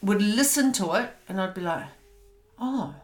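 A woman's voice: medium pitch, lively intonation, normal speed. A woman hosting a podcast from home, talking candidly and often stopping to search for words. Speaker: podcast host. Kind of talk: casual chat. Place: home, on a couch. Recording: roomy echo.

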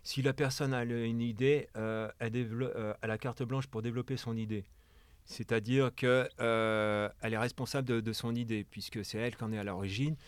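A man, a podcast guest who talks hesitantly, full of pauses and restarts. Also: medium pitch, fairly even intonation, smooth, dry recording. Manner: hesitant, many fillers and restarts. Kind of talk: casual panel discussion.

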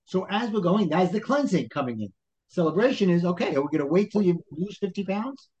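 A high-sitting, expressive, slightly mellow voice moves at a brisk clip as this Brooklyn-accented life coach talks on a podcast. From Brooklyn, New York, he explains motivationally in an interview, posing questions and voicing people's self-talk, on lo-fi sound.

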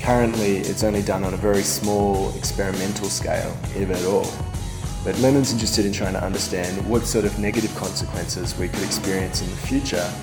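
Australian man, bright curious science host, music behind. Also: fairly low pitch. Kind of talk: radio or podcast interview, scripted introduction. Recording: roomy echo, music behind the voice.

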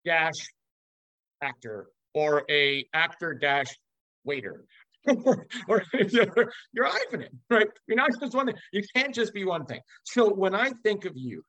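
A man's voice: high voice, bright, forceful tone, dry recording, muffled recording. An American man from Los Angeles hosting a casual interview, talking in an expansive, emphatic way. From Los Angeles, USA. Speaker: interview host.

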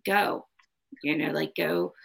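A woman's voice: low voice, fairly even intonation, slow pace, gravelly, very noisy. A woman giving a casual spoken card reading as host, advising in an emphatic, repetitive way. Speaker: tarot card reader and host.

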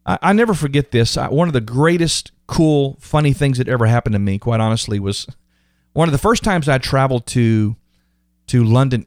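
An American man hosts a podcast, telling stories in an emphatic, motivational monologue and repeating key phrases. His voice is mid-range with a darkish tone, recorded at studio quality with no room sound.

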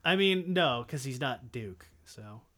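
A man's voice: medium pitch, expressive, unhurried, a bit bright. A man co-hosting a podcast in casual chat, sarcastic and ranting, swearing freely. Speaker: podcast co-host.

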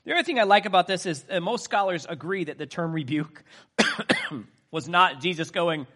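A middle-aged man preaching a sermon, swinging between soft, earnest talk and loud bursts. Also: high voice, normal speed. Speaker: pastor.

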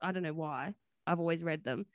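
A woman's voice: sits low, fairly quick, no echo, muffled recording. A woman co-hosting a podcast, chatting bluntly and swearing freely. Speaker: podcast co-host. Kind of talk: casual chat.

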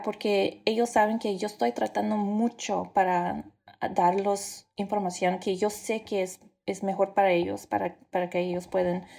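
An American woman, a native English speaker, chatting casually in halting Spanish mixed with English. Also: medium pitch, vocal fry, dark tone. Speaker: dental professional. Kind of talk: casual conversation.

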